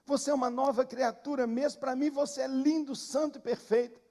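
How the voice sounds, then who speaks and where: A man voicing God as a gentle father, speaking softly and reassuringly. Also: very high voice, steady tone, brisk, big-room sound, voice pushed up. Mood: tender. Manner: soft, tender, reassuring.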